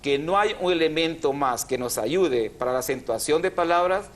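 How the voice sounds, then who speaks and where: A man's voice: on the high side, expressive, normal speed. A man hosting a TV language program, explaining grammar patiently and drawing out syllables. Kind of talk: didactic TV chat.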